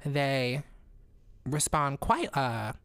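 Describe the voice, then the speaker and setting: Animated young woman in podcast chat. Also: very deep voice, extremely slow, dry recording. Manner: animated, slangy, laughs often. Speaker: podcast guest.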